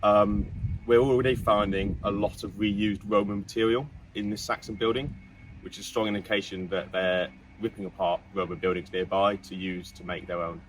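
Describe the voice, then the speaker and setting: A man's voice: lowish voice, steady tone, moderate pace. A man, an assistant trench supervisor, walking through the dig in an informed, methodical way. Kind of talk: explaining the dig to camera. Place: outdoor excavation trench. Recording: distant mic outdoors with background noise.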